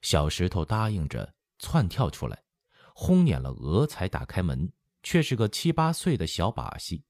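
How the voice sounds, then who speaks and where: A man's voice: deep voice, normal speed, no room sound. A man narrating a historical novel as an audiobook, telling the story expressively. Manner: expressive storytelling, acts out quoted lines. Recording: dry close studio sound.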